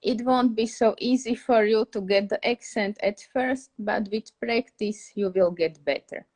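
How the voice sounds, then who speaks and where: This young woman from Slovakia speaks with a medium-pitched, somewhat darkish voice at a slightly slow pace. She has a Slovak accent and teaches English informally on a live stream, chatting away and frequently laughing as she gropes for the right word.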